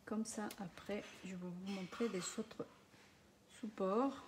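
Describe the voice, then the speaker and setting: Woman, non-native French accent, slow and chatty, craft live stream, faint hiss behind. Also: medium pitch, fairly even intonation, darkish tone. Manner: chatty, talks viewers through each step. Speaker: craft demonstrator.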